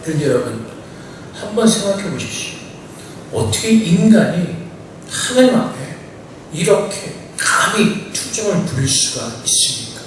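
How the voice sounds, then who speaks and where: A man's voice: high-pitched, very animated, moderate pace, a little hiss or hum. A male pastor giving a sermon in a conversational way, with plain everyday asides. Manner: conversational preaching with colloquial asides and acted quotes. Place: church sanctuary. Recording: echoey church from far off.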